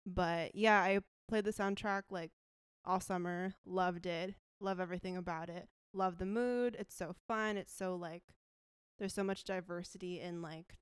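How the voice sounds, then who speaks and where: A woman's voice: fairly low pitch, fairly even intonation, a little slow, clean tone, no room sound, studio quality. A woman co-hosting a casual movie chat, bubbly and full of fillers. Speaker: podcast co-host.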